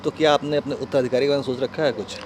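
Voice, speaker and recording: Male reporter, interviewer, brisk and direct, outdoors with light traffic. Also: medium pitch, fairly even intonation, darkish tone. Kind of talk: news interview.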